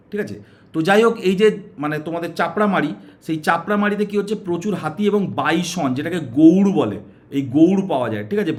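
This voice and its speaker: Quick, high-voiced coaching teacher man. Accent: West Bengal Bengali. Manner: asks questions and answers them himself, repeating "okay"; coaxing, uses story tricks to aid memory. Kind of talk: classroom-style exam prep lesson.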